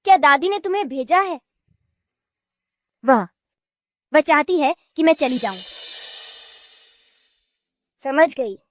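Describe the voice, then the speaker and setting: A woman voicing a sweet high-voiced girl. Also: animated, slow, pauses often, slight background noise. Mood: earnest. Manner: earnest and pleading. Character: sweet young girl, gentle and forgiving. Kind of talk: dubbed cartoon acting.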